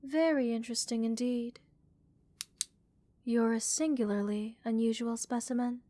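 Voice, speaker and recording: For a relaxing ASMR roleplay, a woman plays a calm, curious female alien scientist whose delivery is measured, clinical and gently reassuring, with a mood of clinical curiosity. Her fairly high voice is lightly acted on a dry recording.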